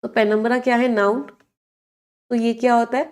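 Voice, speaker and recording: A woman's voice: a little high, little pitch movement, moderate pace, a little mellow. A woman teaching English vocabulary in an online exam-prep lesson, explaining words in Hindi mixed with English and asking her students questions.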